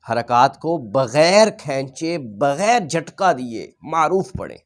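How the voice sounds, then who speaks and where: A male Quran teacher explaining a reading lesson patiently, repeating each rule and sounding out letters slowly. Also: fairly high pitch, expressive.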